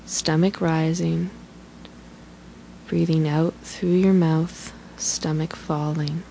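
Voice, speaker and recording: With a mellow, slightly low voice and a very unhurried pace, a woman calmly instructs listeners through a guided relaxation. The recording is rough, with a faint hiss underneath.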